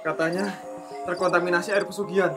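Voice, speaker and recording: A man's voice: high voice, level tone, quick pace, music in the background, close to an everyday voice. A young man playing a jittery, bantering college student in a comedy horror film. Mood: alarmed. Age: young adult.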